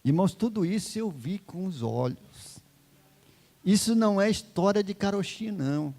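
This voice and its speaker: High, gravelly man preaching a testimony. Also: animated, moderate pace. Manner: dramatic swings from hushed to loud; fervent, exclaiming. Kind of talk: emotional sermon testimony. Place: church.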